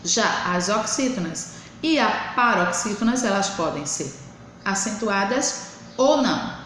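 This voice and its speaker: Slow, patient teacher in an echoey room. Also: female voice, medium pitch, expressive, fairly bright tone. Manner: slow, drawn-out syllable counting. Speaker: primary school teacher. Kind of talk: recorded remote lesson for children. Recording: echoey room with faint hiss.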